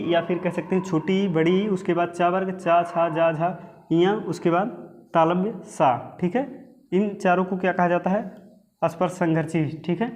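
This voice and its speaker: A man's voice: high voice, darkish tone. Man teaching, checking in with "ठीक है". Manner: repeats points, checks with "ठीक है" often; asks questions and answers them himself. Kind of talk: exam-prep lesson.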